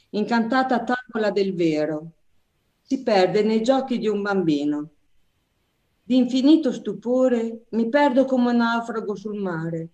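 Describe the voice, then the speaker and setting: A woman slowly reading her poem in a gentle, measured way. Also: medium pitch. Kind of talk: slow poetry recitation. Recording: echoey room.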